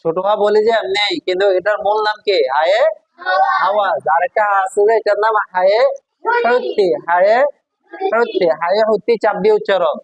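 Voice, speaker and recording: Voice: mid-range voice, steady tone, fast, dull audio. Teacher drilling letters. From Bangladesh. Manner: patient, asks the class questions and drills each letter. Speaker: Quran teacher. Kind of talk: classroom call-and-response drill. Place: classroom.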